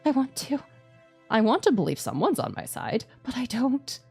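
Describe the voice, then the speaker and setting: A woman's voice: a little high, very animated, moderate pace, vocal fry, a little mellow, slightly rough, voice pushed up, exaggerated voice. A woman voicing a frightened, defiant young prince, protesting in scared outbursts as a game character. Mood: shaken distrust. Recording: music behind the voice.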